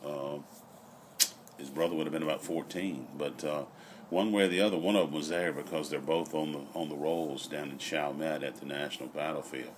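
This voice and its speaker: A middle-aged man chats casually and reflectively, rambling with frequent pauses, recorded outdoors on a patio. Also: very deep voice, steady tone. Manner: unhurried, rambling, pausing often. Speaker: vlogger. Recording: noisy outdoor ambient recording.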